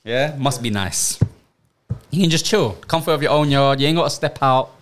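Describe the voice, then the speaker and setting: A man's voice: medium pitch, moderate pace. A young man with a London roadman accent, chatting casually and using plenty of slang. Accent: London roadman, multicultural London English.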